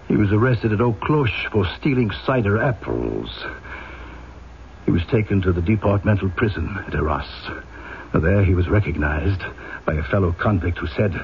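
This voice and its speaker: An actor playing a stern, rigidly honourable French police inspector in a radio drama, speaking formally, emphatically and deliberately, accusing himself. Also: male voice, on the low side. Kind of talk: old-time radio drama acting. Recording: muffled, noisy vintage radio recording.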